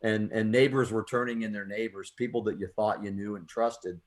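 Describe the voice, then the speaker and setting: Brisk and fairly even in intonation, this lowish male voice belongs to an American poet hosting a radio show about poetry. His talk is relaxed and sincere, a reflective conversation full of repeated words as he thinks aloud.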